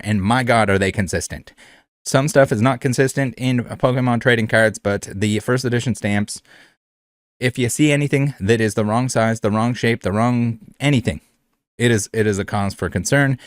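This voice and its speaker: A man's voice: mid-range voice, no room sound, clean studio sound. A man hosting a trading card video in casual commentary, rambling and repeating phrases, with many fillers. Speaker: trading card channel host.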